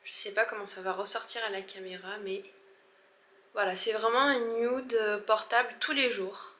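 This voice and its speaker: A woman's voice: mid-range voice, fairly even intonation, normal speed, a bit bright. A woman in her twenties casually showing off her beauty purchases, chatty and hesitant, full of fillers and restarts, gushing over the products. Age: 20s. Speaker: beauty vlogger. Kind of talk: casual haul vlog.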